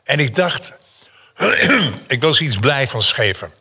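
A man's voice: mid-range voice, sing-song, slow pace, pushed and bright, slightly rough. A man, a painter, telling stories as an interview guest, theatrical and emphatic, repeating phrases for effect. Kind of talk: animated storytelling in an interview.

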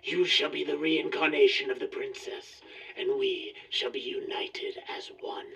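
A man playing an obsessive villain in an old radio serial, speaking in a raspy, whispery voice. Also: a little high, fairly even intonation, a little slow, fairly bright tone, full character voice. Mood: menacing. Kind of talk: 1940s radio acting. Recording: dull lo-fi radio sound from far off.

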